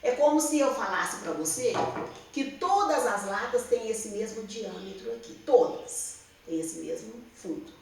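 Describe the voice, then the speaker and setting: Slow, patient Brazilian teacher, roomy echo. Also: female voice, a little high, lively intonation, darkish tone, far from the mic, a little hiss or hum. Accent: Brazilian Portuguese. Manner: patient, repeats and checks understanding with "tá?". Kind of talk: slow classroom explanation to young pupils. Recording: roomy echo, speaker somewhat off-mic.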